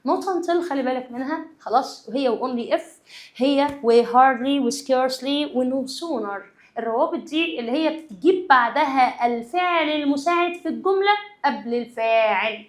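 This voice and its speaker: A woman with an Egyptian Arabic accent teaching an exam review lesson. She explains lively and addresses students directly, mixing English terms into her explanation. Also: sits high, normal speed.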